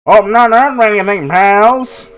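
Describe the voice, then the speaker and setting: Man doing a loud, blustery goofy game detective. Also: high voice, a little slow, clean tone, pitched above the performer's own voice. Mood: flustered. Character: blustery, eager male police detective who says "pal". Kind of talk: amateur voice-over of a video game.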